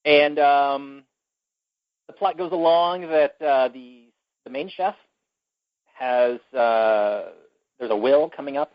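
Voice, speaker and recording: A man's voice: mid-range voice, slow pace, long pauses, no room sound, highs cut off. A man co-hosting a podcast, retelling a film plot in casual chat with many fillers and restarts. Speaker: podcast co-host.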